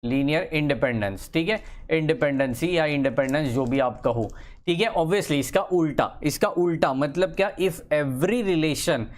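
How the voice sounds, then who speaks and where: A young man teaching engineering maths in a casual lecture, encouraging his students, repeating phrases and drawing words out slowly as he writes. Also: fairly high pitch. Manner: encouraging, chatty asides to students. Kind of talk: casual Hindi-English lecture.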